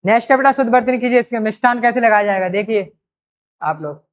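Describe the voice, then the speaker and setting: A woman's voice: a little high, lively intonation, fast. A woman teaching a grammar exam-prep lesson, addressing students fondly and drawing out repeated words as she works through each question.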